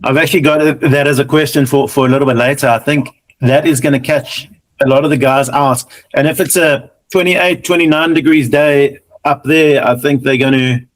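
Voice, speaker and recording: A man's voice: medium pitch, steady tone, normal speed, low-quality recording. Guy hosting a podcast, easygoing, keeps agreeing and chatting along. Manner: chatty and agreeable, backs the guest up. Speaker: podcast host. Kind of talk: casual podcast interview.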